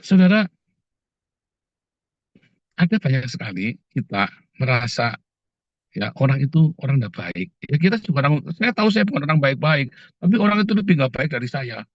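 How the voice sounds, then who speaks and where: A man preaching a casual, animated sermon, often calling his listeners "saudara" and slipping into quoted voices. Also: medium pitch, moderate pace, long pauses, no room sound. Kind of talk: conversational sermon. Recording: dull muffled dry sound.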